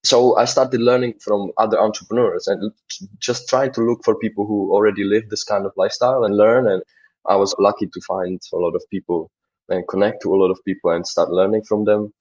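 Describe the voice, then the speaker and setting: A young man from the Czech Republic talks as a podcast guest, earnest and rambling. His voice sits a bit low and sounds husky. The audio comes through dull and lo-fi. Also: fairly even intonation, fairly quick, a little mellow. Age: 20s. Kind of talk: casual interview talk.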